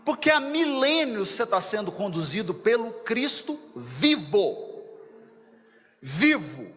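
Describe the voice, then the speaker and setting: A man with a Mineiro Brazilian accent giving a spiritual lecture, animated and acting out little dialogues as he talks to his audience. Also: high-pitched, slow pace, long reverb tail. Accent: Mineiro Brazilian Portuguese. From Minas Gerais, Brazil. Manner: animated, acts out dialogues, addresses the audience directly.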